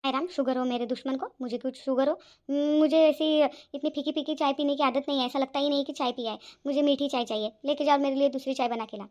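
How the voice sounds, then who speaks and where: A woman voicing a bossy, sharp-tongued elderly mother-in-law in a cartoon, talking in a scolding, complaining way. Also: sits high, fairly even intonation, fast, close to an everyday voice. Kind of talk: cartoon voice acting.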